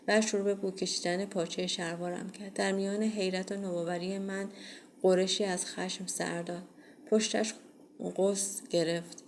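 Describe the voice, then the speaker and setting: A woman reading a first-person horror audiobook in a steady, measured way. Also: medium pitch, slight background noise. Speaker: audiobook reader.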